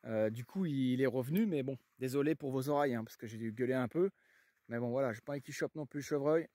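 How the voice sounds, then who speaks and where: A man with a French accent chatting casually to viewers in a relaxed way while walking his dogs outdoors. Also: medium pitch, fast, dry recording, clean studio sound. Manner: chatty, relaxed, lots of fillers, shouts to his dog. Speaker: vlogger. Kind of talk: casual vlog chat. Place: outdoors on a country walk, then at his camper.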